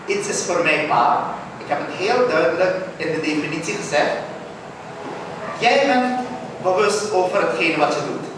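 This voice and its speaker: A man giving a satsang sermon as a spiritual teacher, animated and storytelling, acting out quotes. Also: on the high side. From Suriname. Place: ashram hall. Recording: very echoey hall, far from mic, faint noise.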